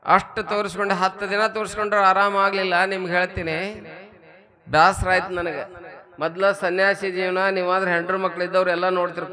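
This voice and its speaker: A man, a monk with a North Karnataka accent, telling a religious story as a sermon, asking the audience lively rhetorical questions. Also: high voice. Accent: North Karnataka Kannada. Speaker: monk giving a religious discourse. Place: religious gathering with a live audience.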